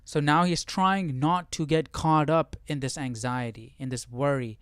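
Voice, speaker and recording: A man hosting a Bible study livestream talks casually through scripture with viewers, checking in now and then with rhetorical questions. His voice is fairly high, steady and unhurried, with a fairly bright, clean tone.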